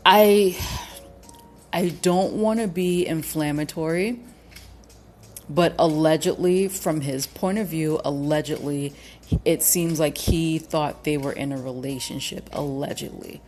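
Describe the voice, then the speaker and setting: Halting, low-voiced woman reading tarot. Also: a little mellow, a little hiss or hum. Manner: halting, with many fillers and repeated restarts; cautious, hedging with repeated qualifiers. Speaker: tarot reader. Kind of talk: casual tarot reading to viewers.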